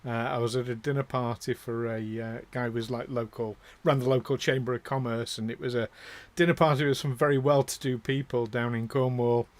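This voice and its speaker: A man's voice: mid-range voice, steady tone, fairly quick. A man from northern England, hosting a tabletop game show in casual, joking chat and laughing often. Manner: chatty, laughs often, jokey asides. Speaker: game master and show host.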